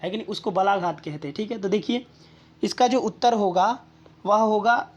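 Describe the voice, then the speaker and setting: Casting: woman teacher, methodical and patient, talks through each exam answer, mid-pitched voice. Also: normal speed, darkish tone, dull audio. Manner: methodical, checks in with rhetorical questions. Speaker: Sanskrit exam tutor.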